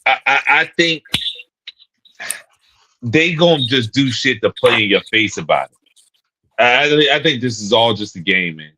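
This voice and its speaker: A man's voice: medium pitch, expressive, moderate pace, long pauses, sharp tone, breathy edge, rough recording. A man co-hosting a casual podcast, rambling and repeating words, with slang and swearing. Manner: profane, slangy. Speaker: podcast co-host.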